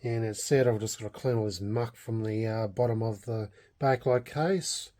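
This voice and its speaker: A hobbyist vlogger with an Australian accent does a casual, unscripted show-and-tell, his thoughts trailing off as he hesitates and meanders. His voice sits on the low side, warm in tone, at a moderate pace.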